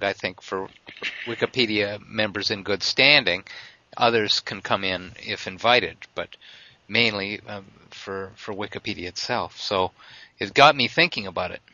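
Guy on a podcast call, low-ish bright voice, earnest and careful, muffled audio. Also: dry recording. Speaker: podcast panelist. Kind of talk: casual conference call chat. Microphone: computer mic on a voice call.

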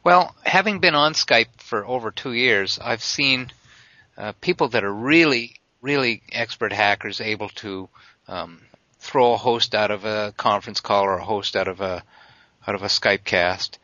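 A man's voice: lowish voice, moderate pace, pushed and bright, dry recording. A man talking casually as a podcast panelist over an internet voice call, earnest and cautious, often restarting his sentences. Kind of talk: casual conference call chat. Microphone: computer mic on a voice call. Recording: muffled lo-fi internet call audio.

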